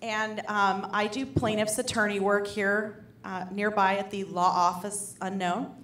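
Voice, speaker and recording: A woman's voice: mid-range voice, flat delivery, unhurried, a bit bright, slight background noise. A young woman doing a chatty, wry stand-up comedy set on a club stage. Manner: chatty, wry, self-deprecating storytelling. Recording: echoey club room.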